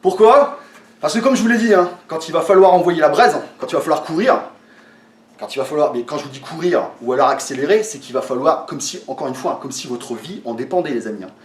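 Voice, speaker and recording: A man's voice: a little high, fast talker. Guy coaching workouts, kinda tired, lots of uhs, echoey room, far off mic. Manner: hesitant, many fillers and restarts, addresses viewers as friends. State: a little tired. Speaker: fitness coach. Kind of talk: casual explanatory talk to viewers.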